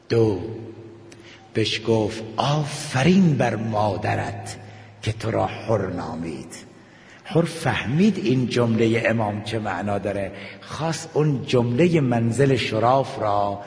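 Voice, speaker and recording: A man preaching an emotional sermon, telling stories and dropping his voice low for tender moments, then lifting into sung lines. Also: darkish tone. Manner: emotional, slows and drops to near whisper for tender moments, rises with sung passages. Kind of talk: religious sermon with storytelling. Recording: echoey hall reverb.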